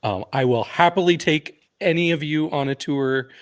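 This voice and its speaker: Laid-back soft-spoken male co-host. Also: on the high side, normal speed. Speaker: podcast co-host. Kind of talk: casual chat.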